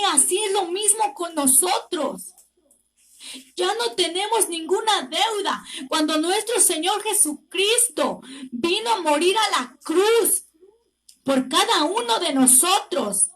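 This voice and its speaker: A woman with a Mexican Spanish accent preaches a fervent sermon in a very high voice. She speaks slowly and deliberately, with emphatic pauses. She often breaks in with words of praise. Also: a bit bright.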